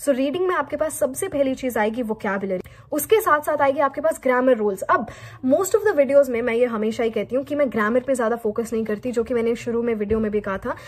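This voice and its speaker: A woman's voice: fairly high pitch, brisk, husky. A woman whose first language is Hindi, with a Haryanvi accent, teaching English in an online lesson that mixes Hindi and English, asking and answering her own questions and repeating key words.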